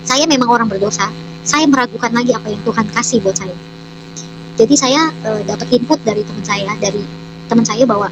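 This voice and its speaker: A woman telling her personal testimony as an interview guest, hesitant with many fillers, acting out her own prayers. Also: on the high side. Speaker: guest giving a conversion testimony. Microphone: microphone she can move away from. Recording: noisy line with mains hum.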